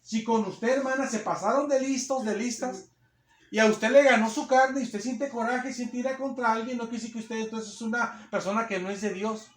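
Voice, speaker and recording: Guy preaching, pretty high voice, keeps asking "right?", phone recording in an echoey church. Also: fairly even intonation, moderate pace. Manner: emphatic, repetitive, asks listeners "right?" often. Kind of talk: sermon. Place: church hall.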